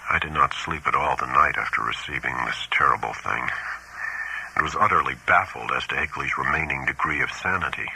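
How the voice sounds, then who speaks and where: A man narrating a classic horror audiobook in a measured, grave manner. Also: rumbling low, gravelly, pushed and bright, a little hiss or hum, rough recording.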